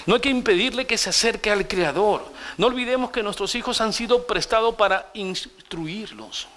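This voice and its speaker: A middle-aged man delivers a sermon as pastor, his voice sitting noticeably high for a man. He preaches in an animated, storytelling way and turns often to his listeners with direct questions.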